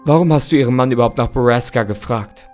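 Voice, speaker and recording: A man's voice: medium pitch, fast, a little mellow, soft background music, lightly acted. A man voicing a grim, angry young man in a spooky storybook reading. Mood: blunt. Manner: tense, bitter, blunt.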